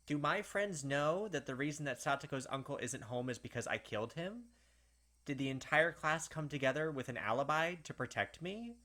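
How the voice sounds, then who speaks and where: A man hosts a let's-play, alternating between reading the visual novel's text aloud and reacting to it with animated, puzzled speculation, sometimes mimicking the characters. His voice sits a little high and moves at a moderate pace. The game's background music plays behind him.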